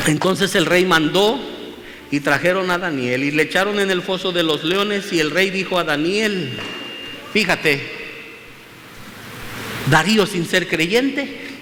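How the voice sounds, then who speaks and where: A man preaches a sermon with a strikingly high, bright voice, speaking slowly and emphatically and often repeating his phrases. His words ring out with a long reverberant tail, over a faint hum of room noise. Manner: emphatic, repeats phrases, addresses listeners as brothers.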